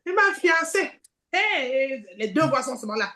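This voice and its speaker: A woman with a high, bright voice preaches. She is theatrical and acts out the voices that pull at her, switching between lines of dialogue. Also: big pitch swings, unhurried, echoey room. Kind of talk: sermon.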